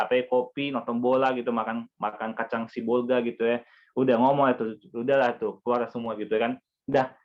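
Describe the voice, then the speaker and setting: A man with a Batak accent gives a casual, chatty sermon as a youth pastor and keeps turning to his listeners. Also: medium pitch. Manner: animated, chatty, addresses listeners directly. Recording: dull, lo-fi sound.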